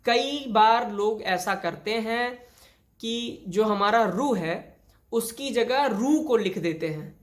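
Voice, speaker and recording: A woman's voice: fairly high pitch, slow pace. A woman teaching a grammar lesson, explaining each rule step by step and repeating it with many examples. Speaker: Hindi teacher. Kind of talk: classroom lesson on spelling.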